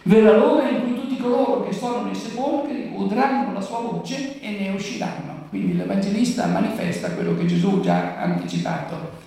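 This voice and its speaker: Gravelly voice, Bible commentary talk, rhetorical questions, heard from a distance in a booming echoey room. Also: big pitch swings, moderate pace, warm tone. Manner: asks rhetorical questions and answers them. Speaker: preacher explaining the Gospel.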